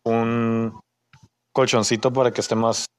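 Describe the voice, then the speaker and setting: A young man with a Mexican accent casually tells a story from work, animatedly acting out his coworkers' lines in raised voices and dropping Mexican slang. His mid-range voice is smooth and measured in pace, with no echo.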